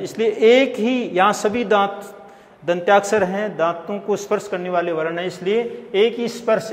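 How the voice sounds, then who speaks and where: High-voiced man teaching in an echoey room. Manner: slow and explanatory, repeating phrases, sounding out syllables. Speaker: Hindi literature teacher. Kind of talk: classroom-style lecture.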